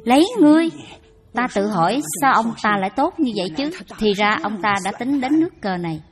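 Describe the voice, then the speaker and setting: A woman voicing a bitter, harsh older mother-in-law who scolds in shrill, cutting bursts. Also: lively intonation, a little fast, a crowd in the background, natural voice. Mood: cold, scornful.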